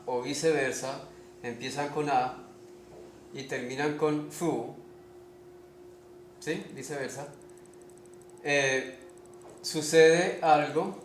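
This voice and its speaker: A man giving a slow spelling lesson, speaking deliberately, pausing often and checking in with his listeners. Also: on the high side. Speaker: language teacher. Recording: echoey room with faint background noise.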